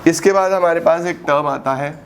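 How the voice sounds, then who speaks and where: A fairly high-pitched man, with a little hiss or hum in the recording, lectures an economics class in a recorded classroom session. He keeps asking questions and answering them himself, calls the students "beta", slowly stretches key words, and mixes English terms into Hindi.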